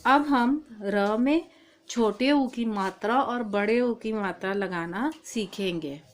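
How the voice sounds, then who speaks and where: A woman with a rather high voice speaks slowly, giving a deliberate primary-school Hindi lesson. She patiently addresses the child as "beta".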